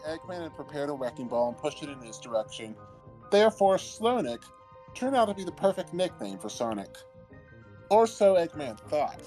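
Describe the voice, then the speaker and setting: A man narrates scripted comedic fanfiction. The recording comes from an old-timey, low-quality mic and has background music.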